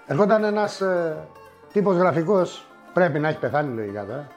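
A middle-aged man reminisces in a wry, unhurried way, sprinkling his tale with asides. His voice sits a little higher than most men's. Faint music hums behind him. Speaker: storyteller. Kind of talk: spoken reminiscence.

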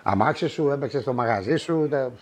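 A middle-aged man telling old stories in a wry, unhurried way, with many asides and fillers. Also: mid-range voice, lively intonation. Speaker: storyteller. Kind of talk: spoken reminiscence.

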